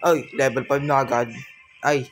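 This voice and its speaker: A man's voice: mid-range voice, little pitch movement, moderate pace, faint music behind. A man with a Filipino accent giving casual commentary while playing a mobile game, chatting to himself and the game and mixing English with Tagalog. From Philippines. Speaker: gaming channel host.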